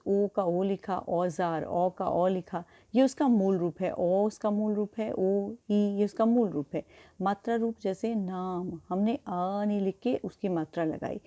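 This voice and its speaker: A woman teacher giving a recorded grammar lesson to children, patient and slow as she spells out sounds. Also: mid-range voice, mellow. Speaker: school Hindi teacher.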